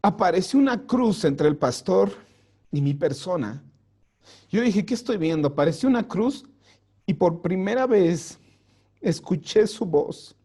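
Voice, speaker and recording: A male pastor telling his conversion story to a youth group in an earnest storytelling way, dropping soft and slow for prayers. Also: high-pitched, animated, slightly rough. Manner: earnest storytelling, acts out quoted lines in a raised voice. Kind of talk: personal testimony to a youth group. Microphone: home mic for an online vigil.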